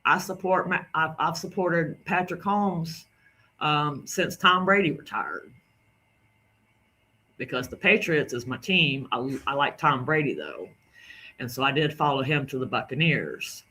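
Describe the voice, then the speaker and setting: A commentary creator from the Southern United States rambles indignantly through casual remarks on clips, repeating himself in a Southern drawl. His voice is on the high side, animated and sharp-toned, with a slightly slow delivery.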